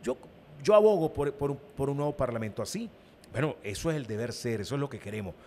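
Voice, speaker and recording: A man's voice: mid-range voice, lively intonation, fast, dark tone, a little hiss or hum. A Venezuelan man, an opposition party leader, speaking as a guest in a political interview, emphatic and given to repeating his words.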